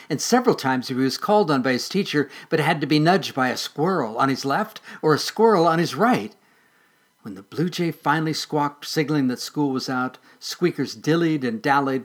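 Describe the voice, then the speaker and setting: Guy reading a kids bedtime story, gentle, expressive, soft on sad bits. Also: medium pitch. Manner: gentle, expressive, slows and softens for sad parts.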